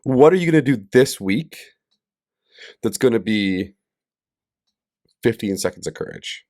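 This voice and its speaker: A man's voice: medium pitch, expressive, unhurried, a little mellow, no echo, clean studio sound. A man co-hosting a casual podcast chat, chatty and teasing, with lots of fillers. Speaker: podcast co-host.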